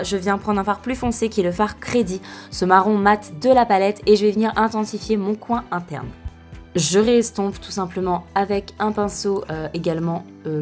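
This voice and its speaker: A woman's voice: medium pitch, a little mellow. Young female beauty vlogger, casual and chatty voice-over, often corrects herself, faint music underneath. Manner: chatty, with frequent fillers and self-corrections. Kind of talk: casual makeup tutorial voice-over.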